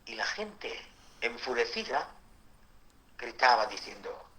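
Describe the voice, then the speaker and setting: Emphatic preaching pastor, bright lively voice. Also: male voice, mid-range voice, takes it slowly, poor audio. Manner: emphatic preaching, swings from loud to hushed. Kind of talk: Bible school sermon.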